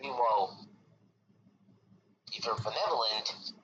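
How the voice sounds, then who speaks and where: A man taking part in a tabletop game over a voice call, talking casually as he works out costs and plans. His audio is dull and lo-fi, with steady background noise clearly heard behind him. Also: lowish voice, slow. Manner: asks practical questions, planning aloud. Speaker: player.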